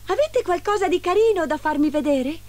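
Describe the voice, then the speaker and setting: A woman voicing a sweet, gentle young princess with a high girlish voice. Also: animated, fairly quick.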